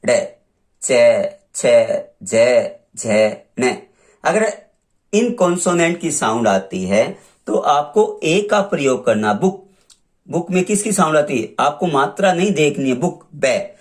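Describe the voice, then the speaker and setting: Male tutor, unhurried and deliberate, drilling examples one at a time in a lesson. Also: mid-range voice. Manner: slow, repeats examples and sounds them out. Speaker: English grammar teacher. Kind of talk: classroom lesson explaining articles.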